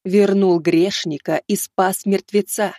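A towering divine judge with a raised, otherworldly voice, handing down slow and unbending verdicts, as a man puts her on. She is cold and commanding, and the sound is dry. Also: high-pitched, steady tone, a little mellow, no room sound, voice pushed up. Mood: stern. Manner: slow, measured, commanding pronouncements.

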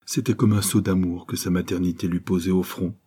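A man reading a novel aloud in steady, scripted narration. His voice is low and dark, with a husky grain. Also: fairly quick. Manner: steady storytelling. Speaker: audiobook reader.

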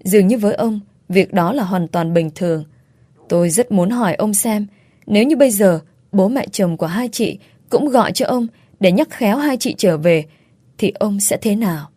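A woman reads a first-person family story aloud in a steady, plain manner. Her voice sits at an ordinary pitch. The recording is dry and close, with no room sound. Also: normal speed, breathy edge, no echo. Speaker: narrator.

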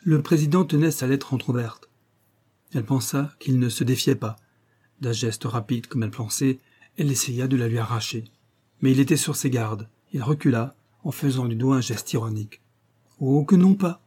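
Husky, dark-toned male audiobook narrator. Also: medium pitch, steady tone. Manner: measured, literary narration. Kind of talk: reading a classic novel aloud.

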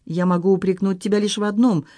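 An anguished, protective man presses his beloved with urgent, emphatic questions in a storybook scene, as a reader puts him on. The voice sits at a middling pitch and sounds dry and close. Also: flat delivery, quick pace, mellow, no echo, lightly acted. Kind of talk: audiobook reading.

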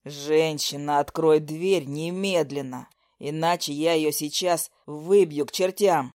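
Woman voicing a stern young man for a romance audiobook, deep and clipped. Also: slow pace, a little mellow, dry recording, studio quality. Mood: cold, commanding. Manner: cold, curt, growling orders. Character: angry jealous young man, gruff and commanding.

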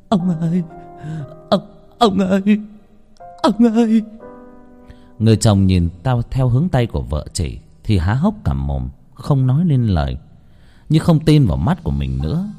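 A man narrating a ghost story in a dramatic, expressive manner. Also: fairly low pitch. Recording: faint background music.

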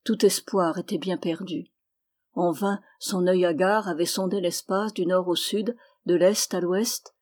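Woman, audiobook narrator, measured, steady, warm mellow voice. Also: on the low side. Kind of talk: audiobook narration of a classic novel.

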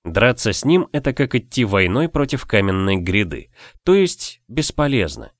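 Guy reading an audiobook, lowish voice, steady and measured, dry close sound. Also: no room sound. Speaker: narrator. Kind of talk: scripted audiobook narration.

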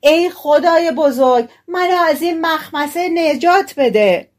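A woman's voice: mid-range voice, expressive, a little mellow. Woman doing a gullible young peasant man, eager, naive, storybook reading. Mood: panicked. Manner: gullible, delighted exclamations.

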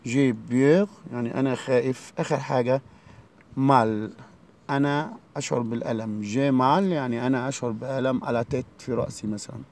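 An Egyptian-accented man teaches a French lesson to schoolchildren. He drills every verb form slowly and says it again and again. His pitch sits mid-range for a man. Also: darkish tone. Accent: Egyptian Arabic. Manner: slow, repeated drilling of words. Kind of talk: classroom lesson.

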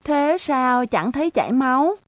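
A woman's voice: high-pitched, very animated, normal speed, no room sound, clean studio sound, pitched above the performer's own voice. Woman doing a chirpy naive little schoolgirl. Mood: innocent, chirpy. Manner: chirpy, innocent questioning. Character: cheeky naive little schoolgirl, stubborn and argumentative.

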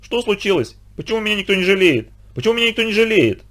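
A man voicing a conceited, self-pitying male bandit who flatters and boasts in a raised, wheedling voice. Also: on the high side, fast. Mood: whimpering. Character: whiny, fawning, conceited adult male bandit.

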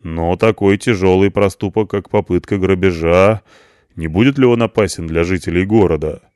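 A man voicing a calm, wry police officer who slowly dictates a report in formal wording. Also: deep voice, no echo, clean studio sound, natural voice. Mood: dictating.

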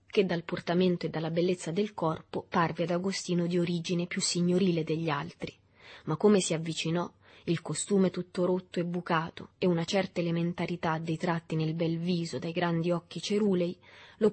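Reading a literary novel aloud, this audiobook narrator has a fairly low, slightly rough voice. Her storytelling is measured and even.

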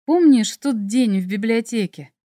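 A woman voicing a male dragon emperor who is teasing, tender and smug, speaking low and soft in an audiobook. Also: animated, unhurried, no echo, studio quality. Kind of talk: audiobook character voice.

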